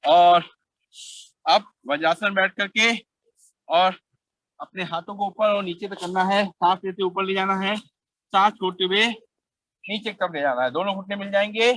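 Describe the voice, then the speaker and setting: A middle-aged man leading a guided yoga class outdoors, calmly instructing and counting breaths aloud in a steady rhythm. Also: high-pitched, a little slow, pauses often, no room sound, low-quality recording.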